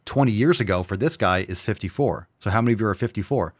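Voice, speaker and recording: A pushy, foul-mouthed fitness host in his forties reads viewer comments on a motivational livestream, bluntly urging people to train. He speaks quickly in a fairly low voice, captured as clean studio sound with no room noise.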